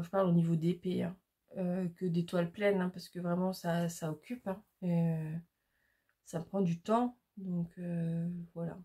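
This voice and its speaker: A woman from France hosts a craft channel, chatting casually and with lots of fillers as she shows off her supplies. Her voice is mid-range with a warm tone.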